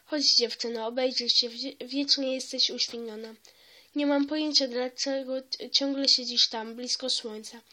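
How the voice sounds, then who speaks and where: A cold, contemptuous mother snaps and scolds in a storybook reading, voiced by a woman. Her voice sits high and bright, sharp with scorn. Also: fairly even intonation, normal speed. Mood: scornful. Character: harsh scornful cave-dwelling mother.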